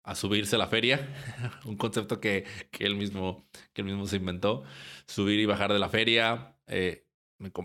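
Man hosting a podcast. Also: on the low side. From Mexico. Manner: relaxed, rambling with frequent restarts and short laughs. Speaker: podcast host. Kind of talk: casual podcast intro and interview.

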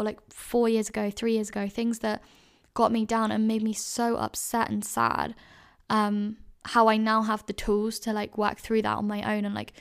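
A young woman in her twenties chats through listener advice on her podcast. She talks in a loose, rambling way, packed with fillers, and her voice often drops into fry. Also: fairly high pitch. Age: 20s. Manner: chatty, many fillers and self-corrections. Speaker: podcast host. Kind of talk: casual advice chat.

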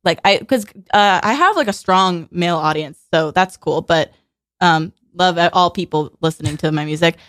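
A woman in her twenties chatting as a guest in a radio studio interview, sarcastic and quick to laugh, with lots of "like" fillers. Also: on the low side, a bit bright, dry recording. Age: 20s. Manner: chatty and sarcastic, laughs often, heavy use of "like". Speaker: guest musician. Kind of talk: casual interview chat. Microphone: studio mic.

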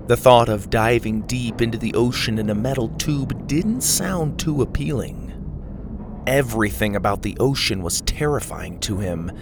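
A man narrating a storybook with expressive, dramatic delivery. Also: mid-range voice, gravelly, background noise.

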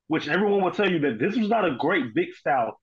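A man's voice: on the high side, very animated, brisk, slightly rough, lo-fi sound. A man giving casual, informal sports commentary as a panel analyst. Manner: informal, conversational, often says "man".

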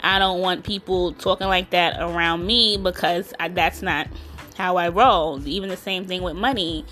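A woman's voice: fairly low pitch, steady tone, normal speed, pushed and bright, soft background music. A woman hosting a casual solo podcast as a self-love coach. She talks in a direct, emphatic way and keeps saying "you know".

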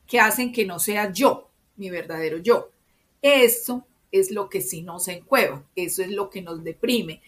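With a paisa accent typical of Antioquia, Colombia, a Medellín woman answers as an interview guest in a mid-range voice. She explains in a lively, conversational way and keeps checking in using tag questions.

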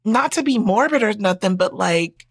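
A woman's voice: medium pitch, lively intonation, normal speed, slightly rough, no echo, studio quality. A woman co-hosting a casual podcast chat, sassy and slangy, laughing often and calling people baby. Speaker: co-host.

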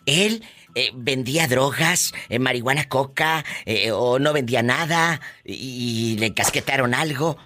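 A woman's voice: a bass voice, measured pace, a bit bright, slight background noise. A woman hosting a call-in radio show, playful and dramatic, full of catchphrases. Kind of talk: lively call-in radio chat.

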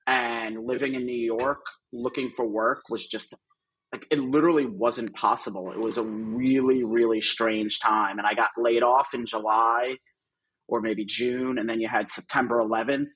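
A man's voice: medium pitch, fairly even intonation, measured pace, a bit bright, husky, poor audio. A middle-aged man, a guest on a podcast, telling stories about his career in a casual, rambling way with lots of fillers. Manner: chatty, rambling with many asides and fillers. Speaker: guest, artist manager. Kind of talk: casual interview storytelling.

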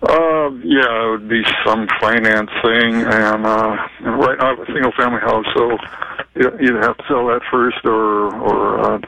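A man calling in over the phone, speaking haltingly with many fillers. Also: mid-range voice, steady tone, creaky, sharp tone. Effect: heard over the phone. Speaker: caller. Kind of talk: casual call-in question. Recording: dull phone-line sound.

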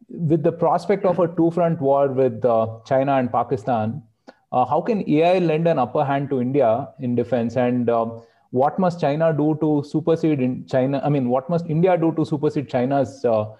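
Guy interviewer, mellow tone, lots of uh, muffled lo-fi audio. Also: mid-range voice. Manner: halting, with fillers. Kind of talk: interview questions. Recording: dull lo-fi sound.

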